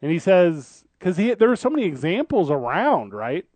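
Male sports radio host, higher-pitched, dry sound, casual and conversational, rephrasing as he builds arguments. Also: big pitch swings, moderate pace, darkish tone, no room sound. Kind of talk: casual sports talk commentary.

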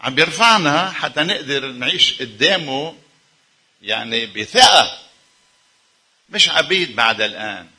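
A man with a Lebanese accent preaches to his congregation in an emphatic sermon style. His voice is very bright and tense, with a husky, breathy edge. He keeps throwing rhetorical questions at his listeners. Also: fairly high pitch, lively intonation, unhurried, pauses often. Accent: Lebanese Arabic.

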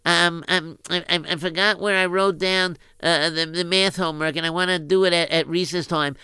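A man's voice: on the high side, fairly even intonation, normal speed, bright, forceful tone, smooth, no room sound, pitched above the performer's own voice. A man voicing a friendly, scatterbrained schoolboy who stammers and chirps. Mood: flustered friendly. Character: scatterbrained boy classmate, friendly and flustered.

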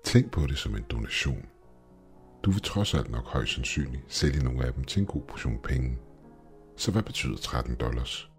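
A man's voice: rumbling low, expressive, soft background music. A man doing a smug, mocking demon shopkeeper. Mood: gloating. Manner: smug, taunting, hissing. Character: grinning goat-legged male demon shopkeeper, mocking. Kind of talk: horror story narration.

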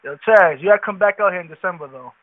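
A young man talks loosely with his friends, tossing out slang as he plans a big weekend. His voice sits high. It comes through thin and tinny, like a phone line. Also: rapid-fire. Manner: loose slangy banter, planning parties. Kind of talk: casual chat among friends.

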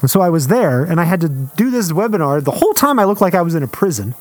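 A man's voice: on the high side, big pitch swings, quick pace, dry recording. A man co-hosting a casual podcast who teases his partner with incredulous questions and laughs easily. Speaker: podcast co-host. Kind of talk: casual chat.

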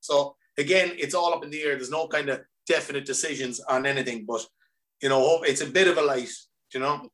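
A man's voice: fairly high pitch, fairly quick, fairly bright tone. A man with a west of Ireland accent chatting casually in an upbeat, rambling way as a musician guest. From County Mayo, west of Ireland. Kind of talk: casual chat. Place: remote video call.

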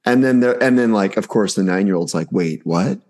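A man's voice: on the low side, a little fast, a little mellow. A man in his forties, a podcast guest, telling a family story casually and animatedly, acting out the dialogue.

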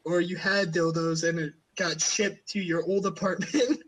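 A man hosting a podcast in casual chat, with a fairly high voice. He rambles and swears a lot as he talks. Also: fairly even intonation, a little slow, fairly bright tone, poor audio. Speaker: podcast host.

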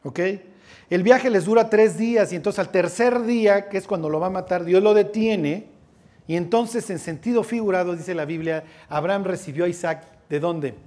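A Mexican-accented man with a notably high voice gives a Bible teaching sermon. He talks casually, keeps asking whether his listeners are following, and mixes in everyday slang. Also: darkish tone. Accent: Mexican Spanish. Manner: conversational, checks in with listeners, slangy asides. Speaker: preacher.

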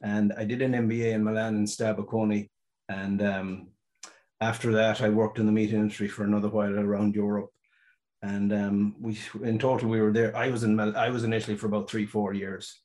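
A man with a west of Ireland accent chatting in an interview, halting and restarting his phrases as he goes. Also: lowish voice, flat delivery, darkish tone. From County Mayo, west of Ireland. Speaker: interview guest, farmer. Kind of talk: casual interview talk.

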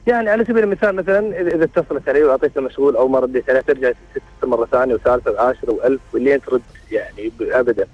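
Rambling man calling in fast. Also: medium pitch, muffled recording. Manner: rambling, searching for words, frequent restarts. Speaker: caller seeking marriage advice. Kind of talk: call-in radio conversation.

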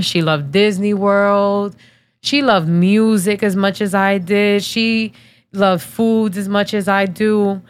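Her voice is on the low side yet fairly bright as this thirtysomething podcast host opens up about something personal. She speaks casually and frankly, using lots of fillers, and becomes emotional to the point of tears.

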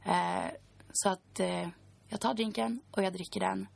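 Creaky, husky young woman telling a story. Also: lowish voice, animated. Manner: chatty, full of fillers like "liksom" and "så här". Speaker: podcast guest. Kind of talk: casual personal storytelling.

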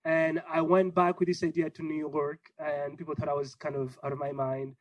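A young man raised in Israel, answering interview questions in a relaxed, rambling way with many fillers. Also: fairly high pitch, normal speed, rough recording. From Congo, raised in Israel. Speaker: gallery owner guest.

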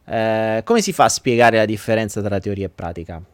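A man hosting a live-streamed podcast, chatting and telling jokes in an animated way. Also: lowish voice, brisk, no echo, studio quality. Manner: animated storytelling. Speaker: podcast host.

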